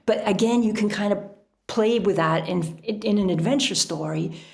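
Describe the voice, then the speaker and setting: Appearing as an interview guest on a podcast, this middle-aged author and sailor from the United States speaks conversationally at a moderate pace, often dropping in "you know." Her mid-range voice is creaky and a little mellow.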